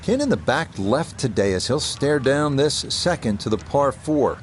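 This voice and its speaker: A man doing golf commentary as lead announcer, calling shots in short, measured phrases. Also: mid-range voice, lively intonation, slight background noise.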